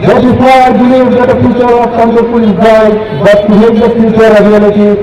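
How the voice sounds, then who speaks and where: A man's voice: very high-pitched, flat delivery. Man at a podium microphone, echoing. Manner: measured, declamatory, addressing a crowd. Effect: speaking into a podium microphone over loudspeakers. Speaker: official giving a public speech. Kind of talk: formal ceremonial address. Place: outdoor ground at a public ceremony. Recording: echoey loudspeaker sound from far off, noisy.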